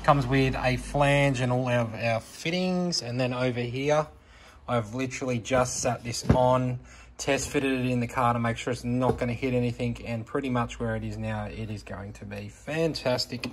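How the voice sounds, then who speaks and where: A man's voice: mid-range voice, steady tone, moderate pace, background noise. A man narrating a casual workshop vlog in a laid-back, slangy, blokey way. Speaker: car project video host.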